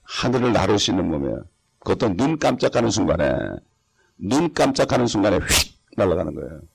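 A male pastor preaches with an emphatic, rhetorical delivery and keeps checking for his congregation's agreement. His voice is gravelly and husky, sitting at an ordinary pitch for a man. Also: very animated, quick pace. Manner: emphatic, rhetorical, frequent interjections asking for assent. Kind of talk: sermon.

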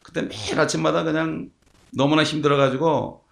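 A male pastor preaches with a gravelly edge in his voice. He tells stories and keeps asking the congregation rhetorical questions as he goes. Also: on the high side, fairly even intonation, moderate pace. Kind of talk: sermon.

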